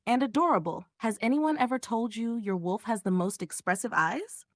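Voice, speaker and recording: A woman voicing a gentle, playful male alpha werewolf who speaks encouragingly. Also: fairly high pitch, normal speed, dry recording, studio quality, close to an everyday voice. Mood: teasing.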